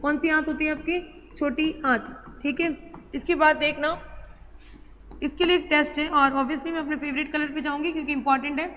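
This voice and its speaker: Lecturing at a board, this biology teacher speaks a little fast in a high, slightly bright voice with a steady tone, repeating key terms and affectionately calling her students child as she quizzes them. Hall reverb and faint background noise color the audio.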